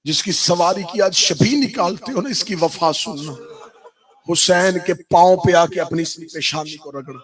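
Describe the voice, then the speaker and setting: A man's voice: sits high, measured pace, rough recording. A man, a cleric, delivering a Muharram mourning sermon in an impassioned chanting recitation that rises into cries. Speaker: Shia cleric reciting a majlis.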